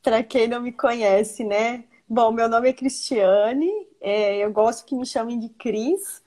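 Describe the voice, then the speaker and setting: Woman, gaúcho accent, high voice, live-stream guest, self-deprecating and laugh-prone. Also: steady tone, takes it slowly, a little mellow. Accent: Gaúcho Brazilian Portuguese. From southern Brazil. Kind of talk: casual live-stream chat. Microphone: video call.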